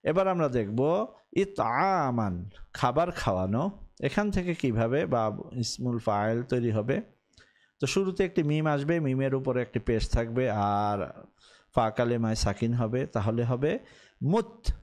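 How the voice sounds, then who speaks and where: A man teaching Arabic grammar in a recorded lesson, explaining in Bengali and reciting word forms in slow, rising drills. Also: mid-range voice, lively intonation, a little mellow.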